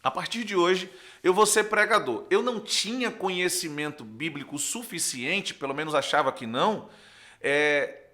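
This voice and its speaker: A slightly high-voiced young pastor from Recife, in northeastern Brazil, talks at a moderate pace as a podcast guest. Sharing his testimony conversationally, he brings the story to life by acting out dialogue and regularly checks in with "né".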